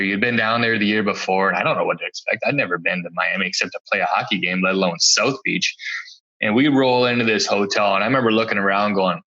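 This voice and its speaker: A man's voice: fairly low pitch, bright, forceful tone, lo-fi sound. A man in his forties, a former pro hockey player, telling easygoing anecdotes as a podcast guest. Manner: easygoing, reminiscing, chuckles between stories. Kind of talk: relaxed anecdotal interview storytelling.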